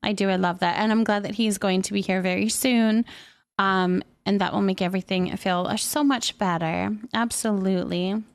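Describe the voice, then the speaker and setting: Here a livestream host speaks at normal speed with a steady, mid-range voice. She keeps things casual, reading viewer comments aloud, responding to them, and frequently echoing her own words to affirm them.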